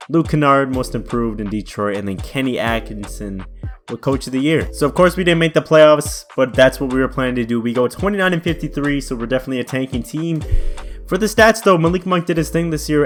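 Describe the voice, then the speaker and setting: A young man casually commentating a basketball video game, chatty and thinking aloud, with faint music behind him. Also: medium pitch. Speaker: gaming YouTuber.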